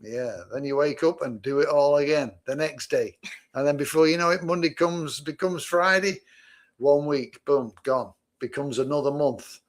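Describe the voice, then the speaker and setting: A man's voice: on the high side, normal speed. A man co-hosting a casual podcast chat, asking easygoing rhetorical questions. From Manchester, England. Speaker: co-host, business owner.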